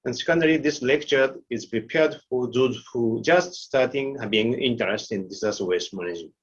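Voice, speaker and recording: A man, giving an online lecture with slides, halting and full of fillers. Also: mid-range voice, husky. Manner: halting, many fillers and restarts. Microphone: video call. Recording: muffled video call audio.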